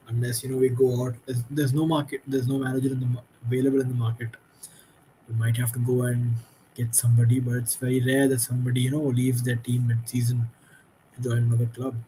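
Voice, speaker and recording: A man's voice: medium pitch, warm tone, slight background noise, poor audio. A tired man hosting a late-night football watchalong, giving frustrated, critical reactions to the game as it happens. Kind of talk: live match commentary and reaction.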